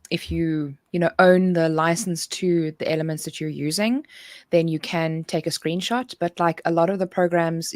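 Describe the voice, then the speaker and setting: A woman with a low, close and dry-sounding voice gives practical advice in a relaxed chat format, talking as a livestream host. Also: no echo. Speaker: livestream host reading out viewer questions.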